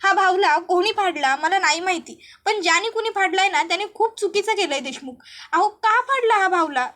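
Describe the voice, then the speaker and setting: A woman's voice: extremely high pitch, lively intonation, brisk, sharp tone, exaggerated voice. A woman voicing an emotional young wife, tearful and pleading.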